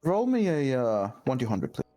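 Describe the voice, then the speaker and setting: A man's voice: medium pitch, huge pitch swings, moderate pace, dark tone. A man acting as game master, narrating a tabletop role-playing game and talking casually with players.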